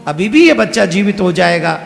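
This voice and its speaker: A man voicing a calm, authoritative older guru who speaks in firm, reassuring pronouncements. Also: sits high, fairly quick, gravelly, heavily acted. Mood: assured. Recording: reverberant hall with faint music.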